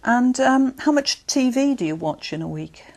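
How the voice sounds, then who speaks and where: Clear, lively-voiced woman examiner. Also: sits high. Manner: measured and clear, encouraging murmurs. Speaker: exam interviewer. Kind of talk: scripted speaking-test questions.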